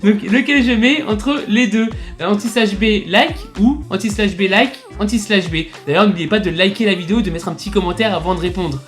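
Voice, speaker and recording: Homme qui explique un tutoriel de code. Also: male voice, high-pitched, brisk, fairly bright tone, faint music behind. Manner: chatty, repeatedly urging viewers to look, spelling out letters. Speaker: coding tutorial host. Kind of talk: screen-recorded tutorial explanation.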